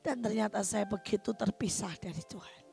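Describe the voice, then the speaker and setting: Woman preacher, mid-pitched and gravelly, quiet-to-loud sermon delivery, soft music underneath. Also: a little fast. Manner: addresses congregation often, swings from quiet to loud. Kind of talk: sermon testimony.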